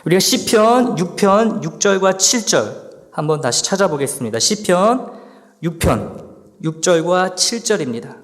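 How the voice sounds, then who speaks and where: High-voiced pastor preaching in a reverberant hall. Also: male voice, expressive, unhurried. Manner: acts out the psalmist's complaints in a pleading voice. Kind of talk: sermon. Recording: long church reverb.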